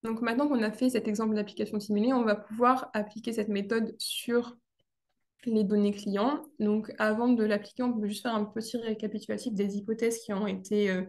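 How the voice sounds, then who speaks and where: A young woman talks through her thesis in a formal academic presentation. She hesitates often, filling gaps and restarting phrases. Her voice is warm and soft-toned. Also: medium pitch, flat delivery, fairly quick. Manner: hesitant, many fillers and restarts.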